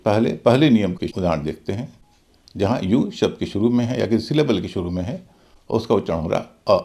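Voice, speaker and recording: A man's voice: fairly low pitch, expressive, brisk, dark tone. A man teaching English pronunciation in a video lesson, explaining methodically and spelling words out letter by letter.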